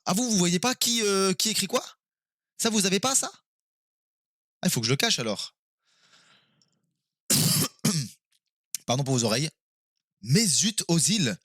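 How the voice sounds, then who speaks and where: A man streaming live and playing a quiz game with his viewers, excitable and quick to exclaim and swear when he is stuck. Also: fairly high pitch, no room sound, clean studio sound.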